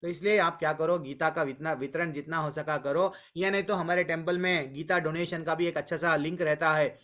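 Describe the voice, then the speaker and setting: A man's voice: fairly high pitch, a bit bright. A man teaching a devotional scripture class, earnest and coaxing, who repeats words for emphasis and mixes in English words. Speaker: Bhagavad Gita class teacher.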